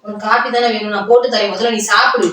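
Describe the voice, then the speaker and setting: A woman's voice: medium pitch, steady tone, sharp tone, very echoey, recorded from a distance, slight background noise, rough recording. A woman pranking her husband at home, bickering insistently and repeating herself. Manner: insistent, repetitive, quick bickering. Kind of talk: staged couple argument. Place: home room.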